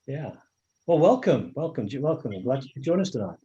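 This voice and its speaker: This English meeting host is very animated and brisk, his medium-pitched voice mellow. He greets arriving participants with casual chat, often restarting sentences, over muffled video call audio.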